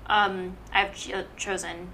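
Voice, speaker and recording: A woman co-hosting a podcast in casual, playful chat, talking in quick bursts. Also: medium pitch, flat delivery, pushed and bright, slight background noise. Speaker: podcast co-host.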